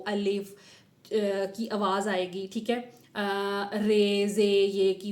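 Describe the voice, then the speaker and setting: A woman's voice: medium pitch, darkish tone. A woman teacher walks parents through Urdu spelling in a patient home-tutorial way. She breaks words into their letters and checks in often, mixing English terms into her explanations. Her voice carries a noticeable echo from the room.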